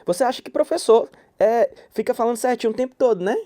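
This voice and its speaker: A man's voice: extremely high pitch, fast. A man from Goiás with a Goiás Brazilian Portuguese accent, teaching Portuguese grammar through stories and acting out the people he quotes. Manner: animated storyteller, acts out quoted people. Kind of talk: anecdotal grammar lecture.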